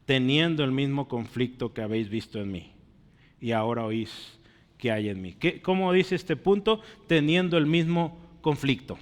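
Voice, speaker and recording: A man's voice: mid-range voice, animated, moderate pace. A man preaching a sermon to his congregation, earnest and often asking them questions. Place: church. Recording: long reverb of a church hall.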